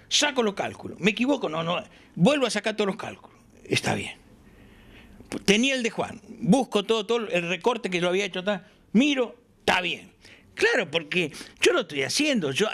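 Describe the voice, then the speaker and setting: An older man with an Argentine accent, chatting in his workshop as an interviewee and telling stories animatedly, acting out the dialogue he quotes. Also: high voice. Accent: Argentine Spanish. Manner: animated storyteller who acts out quoted dialogue. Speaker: aircraft builder interviewee.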